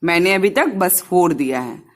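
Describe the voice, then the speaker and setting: A woman's voice: lowish voice, sing-song, normal speed. A woman teaching young children a Hindi lesson, sounding out each syllable patiently and mixing in English words.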